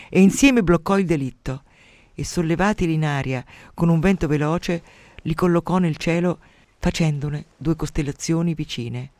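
A man's voice: a little high, dry recording. A man on the radio retelling a classical myth dramatically, breaking in with wry asides. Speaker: radio storyteller. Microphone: studio mic.

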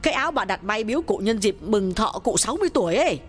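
A woman's voice: mid-range voice, big pitch swings, husky, faint music behind. A woman voicing an anxious young village woman in an audiobook, talking eagerly and deferentially. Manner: eager, deferential, quick to exclaim. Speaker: voice actress. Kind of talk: audiobook character voice.

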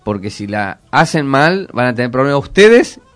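A man's voice: mid-range voice, sing-song, normal speed, fairly bright tone, soft background music. A man with a Rioplatense Argentine accent hosting radio commentary, emphatic, asking rhetorical questions and repeating phrases. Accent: Rioplatense Argentine Spanish. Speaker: radio host.

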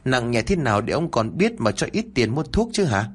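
A man voicing a cruel, lecherous old village chief who bosses people around in a husky voice. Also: medium pitch, very animated, brisk. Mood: wheedling. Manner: bossy, barking orders, then oily and coaxing.

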